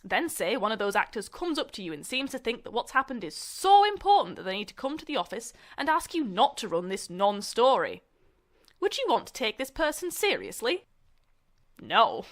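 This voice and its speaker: Voicing a university student in a comedic audio drama, this young woman sounds condescending as her character, among sparring young female student journalists and a theatre director, trades barbs. She speaks at a moderate pace in a high-leaning voice with big pitch swings.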